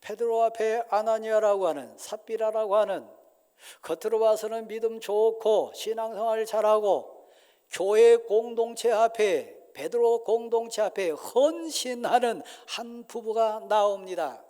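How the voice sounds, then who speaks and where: A male pastor preaching a sermon in a church, swinging from loud outbursts to hushed near whispers. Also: high-pitched, a little slow. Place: church sanctuary. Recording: long church hall reverb.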